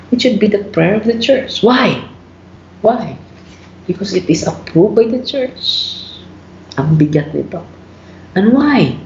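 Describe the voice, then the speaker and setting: Slow-talking priest, echoey room. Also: male voice, slight background noise. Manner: animated storyteller, mixing English into Filipino, frequent "bro" and "no?". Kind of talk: conversational teaching in a talk show. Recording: roomy, dull low-fi sound.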